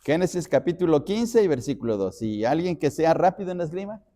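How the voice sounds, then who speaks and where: A man's voice: a little high, sing-song, brisk, dark tone. A man from Mexico, a pastor teaching a Bible study, explaining word by word and repeating phrases as he reads references.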